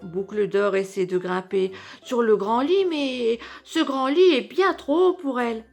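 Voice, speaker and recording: A woman reading a children's story aloud as a storyteller, slow and clearly paced. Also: a little high, soft background music.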